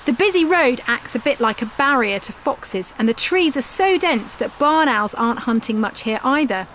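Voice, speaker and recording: A woman's voice: on the high side, expressive, moderate pace, fairly bright tone, a little hiss or hum. A woman reading scripted narration for a nature documentary as a reporter.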